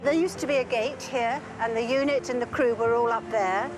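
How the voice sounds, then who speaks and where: Role: chatty actress. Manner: rambling. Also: female voice, fairly high pitch, moderate pace, over music, low-quality recording. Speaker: actress recalling a film shoot. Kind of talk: reminiscing interview.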